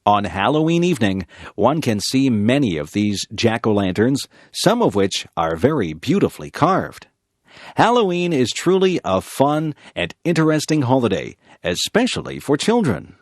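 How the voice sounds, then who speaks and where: An American man narrates a learners' lesson in a slow, clear reading voice. His pitch moves in a lively, sing-song way, and the sound is dry and close to the mic. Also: dry recording. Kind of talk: scripted narration.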